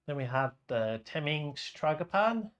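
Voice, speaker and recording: A man works as a bingo caller in a live game. His voice sits a little high for a man, and he announces each item very slowly and with measured spacing. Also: very animated, fairly bright tone, dull audio. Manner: measured, announcing items one by one.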